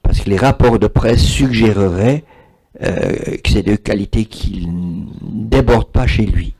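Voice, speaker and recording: A man's voice: on the low side, a little slow, darkish tone, slightly rough. A man, giving a spiritual talk and taking questions from an audience, repeating words for emphasis. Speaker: spiritual speaker.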